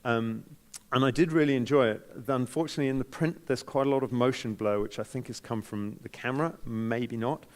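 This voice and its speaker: Male judge, broad Kiwi accent, mid-pitched voice, gentle and hesitant off-the-cuff critique. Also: fairly even intonation, brisk. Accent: New Zealand. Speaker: photography competition judge. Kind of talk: spoken critique, unscripted feedback.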